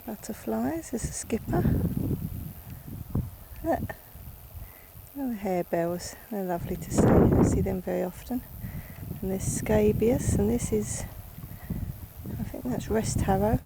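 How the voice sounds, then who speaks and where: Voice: mid-range voice, a little slow, creaky, long pauses. A person with an Essex accent giving a chatty, casual nature vlog narration while out on an open hillside. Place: outdoors on an open countryside hillside. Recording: noisy outdoor recording with ambient noise.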